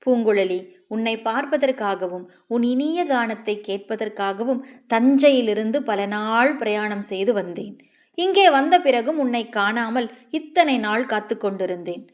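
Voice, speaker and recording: A woman voicing a gentle, devoted young man who sings temple hymns and speaks in a soft, earnest way. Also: on the high side, lively intonation, a little slow. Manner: soft-spoken, calling out loudly at times.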